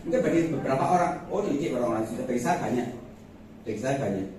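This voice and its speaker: Man, preacher, humorous storyteller, lively swooping pitch, heavy church reverb. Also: quick pace. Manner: humorous, animated storytelling with chuckles. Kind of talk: Sunday sermon with personal stories. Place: church sanctuary. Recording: echoey church hall, distant mic, faint noise.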